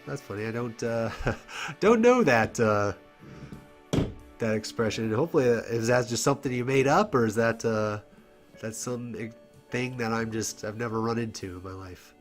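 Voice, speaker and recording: A man's voice: medium pitch, lively intonation, normal speed. A man doing casual solo play-by-play for a fighting game tournament, stuffed up from a cold, chatty and full of fillers and little laughs. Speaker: esports commentator. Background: game music.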